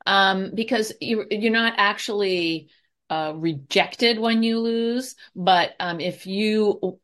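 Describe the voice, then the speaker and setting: A woman's voice: mid-range voice, takes it slowly, fairly bright tone. A woman who is a guest expert on anxiety, giving advice in a chatty way with many fillers and restarts. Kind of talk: conversational advice.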